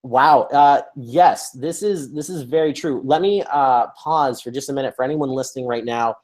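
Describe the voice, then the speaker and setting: A man's voice: mid-range voice, normal speed, darkish tone. Man, webinar host, upbeat and chatty, lots of ums and restarts, video call. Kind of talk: live webinar hosting.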